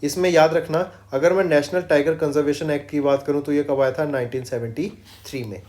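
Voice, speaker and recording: Hindi-English current affairs teacher, quizzing. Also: male voice, on the high side, steady tone, a little mellow. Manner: drills facts with quick quiz questions and repeats, mixing English phrases into Hindi; slows right down to read English lines word by word. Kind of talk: exam-prep current affairs lesson.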